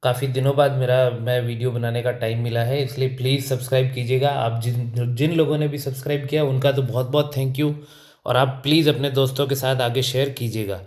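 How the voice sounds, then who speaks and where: A man's voice: medium pitch, steady tone, brisk, darkish tone, reverberant. A man teaching an English pronunciation lesson, often asking a question and then answering it himself. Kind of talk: spoken lesson.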